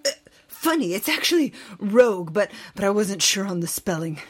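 A woman voicing an excitable girl hero, a former bully, who exclaims a lot. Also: medium pitch, moderate pace, soft background music, lightly acted. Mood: excited.

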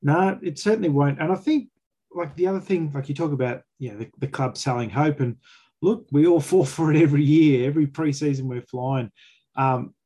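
A husky-voiced Australian man speaks at a medium pitch as the host of a fan sports show. His delivery is colloquial and opinionated, with critical, emphatic points. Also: dark tone.

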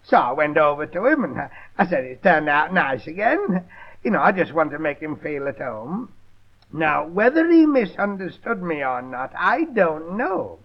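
A comedian telling a rambling, mock-polite comic monologue. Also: male voice, on the high side, sing-song, normal speed. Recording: dull lo-fi 1930s record.

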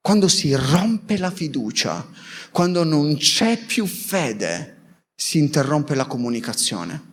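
Lively Italian-speaking pastor preaching in a hall. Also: male voice, a little high, slow, slightly rough. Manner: lively, asks the congregation questions. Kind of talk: sermon.

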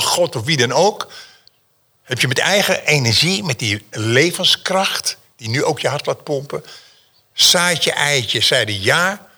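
A painter being interviewed tells stories in a theatrical, emphatic way, repeating phrases for effect. His voice is on the high side with a sharp tone.

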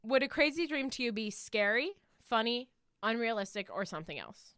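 A young woman co-hosting a casual podcast, telling her dreams in an animated way and acting out the lines of the people in them. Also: fairly high pitch, normal speed, clean tone, no room sound, clean studio sound. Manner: animated storyteller, acts out dream dialogue. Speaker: podcast co-host. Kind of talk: casual chat.

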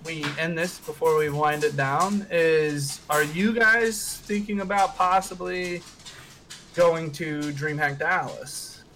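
Male co-host, slightly high, sharp tone, blunt and profane. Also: fairly even intonation, slow. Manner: blunt, swears casually. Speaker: podcast co-host. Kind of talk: casual chat.

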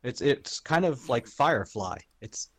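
A man's voice: medium pitch, animated, measured pace, fairly bright tone. A man co-hosting a casual podcast chat, enthusiastic and laid-back, using casual slang. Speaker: podcast co-host.

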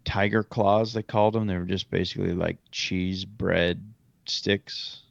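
A man with a very low, gravelly voice rambles casually through a trip story on a podcast, often stopping to correct himself. The sound is dry and a bit dull, like a lo-fi home mic. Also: fairly even intonation, unhurried, dry recording. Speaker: podcast co-host. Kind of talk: casual chat.

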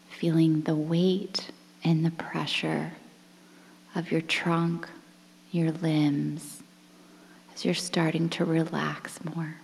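A woman guides a relaxation meditation in a deep, mellow voice, speaking softly and breathily, close to a whisper. Her soothing phrases are measured and separated by pauses, and a long, hall-like reverb surrounds everything she says.

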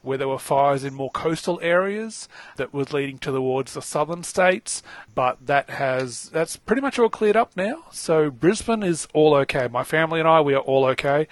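A man with an Australian accent and a fairly high voice co-hosts a casual chat. His wording is polite and a touch formal, and the sound is close and dry. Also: no echo. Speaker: podcast co-host.

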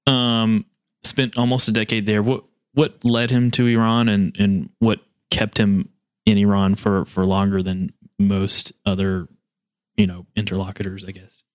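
This rural Kentucky native, an American, speaks as host of an interview podcast with a scripted intro. His lowish voice is smooth and unhurried, with little pitch movement and no room sound.

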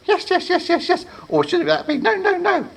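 A man's voice: extremely high pitch, expressive, moderate pace, gravelly, voice pushed up, full character voice. A man voicing a timid, sniveling three-eyed young male apprentice sorcerer. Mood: nervous. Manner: sniveling, anxious.

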